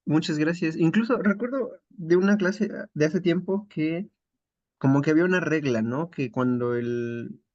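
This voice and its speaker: A man's voice: a little high, measured pace, a little mellow, dry recording, muffled recording. A man taking part in a seminar, thinking aloud hesitantly and searching for his words. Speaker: seminar participant. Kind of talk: thoughtful question in class.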